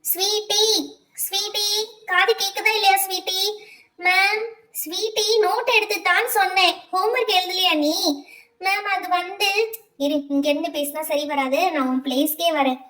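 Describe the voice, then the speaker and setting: A woman's voice: very high-pitched, fairly even intonation, moderate pace, pushed and bright. A woman voicing a strict schoolteacher who checks homework and scolds her pupils with exasperated lectures in a doll pretend-play story. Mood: scolding. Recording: roomy, distant-mic home recording.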